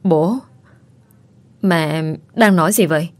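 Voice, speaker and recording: A woman's voice: fairly low pitch, slow, no echo. Woman doing a heartbroken young daughter. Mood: pleading.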